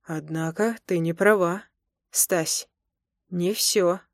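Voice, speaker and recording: A teasing young husband, drawling and amused, speaks a little lower than average, as a woman reader puts him on. His tone stays playful and mocking as he needles his wife. The audiobook read sounds close and dry. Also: steady tone, takes it slowly, no room sound. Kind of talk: audiobook character voice.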